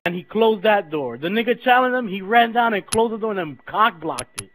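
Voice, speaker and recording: A man's voice: sits high, lively intonation, brisk. A young American man chatting with his gaming team in hyped, sweary frat-bro slang. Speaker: online tournament player. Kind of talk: casual gaming team chat. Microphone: gaming headset over online voice chat. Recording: noisy game voice-chat headset.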